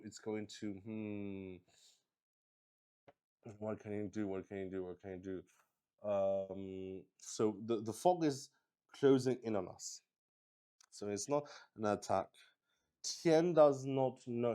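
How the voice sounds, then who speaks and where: A man with a medium-pitched, darkish voice hosts a solo tabletop roleplay stream as both game master and player. He improvises the narration, thinking aloud and repeating phrases.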